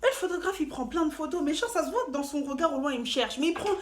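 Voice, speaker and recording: A woman telling a story to camera in a casual, animated and slangy way, with playful asides. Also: sits high, rapid-fire. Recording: roomy echo, faint noise.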